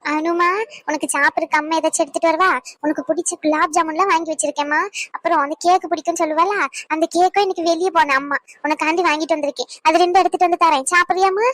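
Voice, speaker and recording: A woman's voice: very high-pitched, fairly even intonation, racing, a bit bright, dry recording. A woman voicing a devoted middle-aged mother in a cartoon, who coaxes and pleads tenderly. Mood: gentle. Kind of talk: cartoon voice acting.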